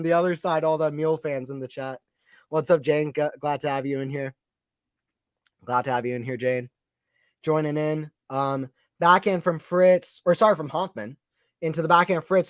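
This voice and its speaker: A man's voice: a little high, dry recording, studio quality. Chatty young man calling tennis live. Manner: chatty, reads chat aloud, quick excited calls. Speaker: live stream commentator. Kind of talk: casual play-by-play and chat.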